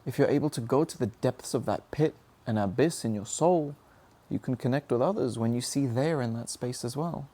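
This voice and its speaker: In this reflective, motivational monologue, a young man shares personal reflections in a mid-range, warm voice at a moderate pace. He speaks earnestly and searchingly about his own struggles, often putting questions to himself.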